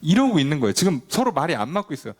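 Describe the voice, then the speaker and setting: A man's voice: on the high side, sing-song, very fast, a little mellow. A male pastor leading a Bible study. He talks with the congregation in a conversational way, asks them questions and acts out quoted dialogue. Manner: acts out quoted dialogue between God and people.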